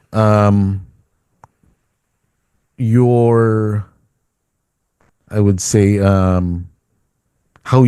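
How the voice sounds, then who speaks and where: Middle-aged guy hosting an online radio show, lots of uhs, lowish mellow voice, dry close sound. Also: clear, resonant tone, no echo. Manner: halting, many ums and uhs. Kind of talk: casual interview.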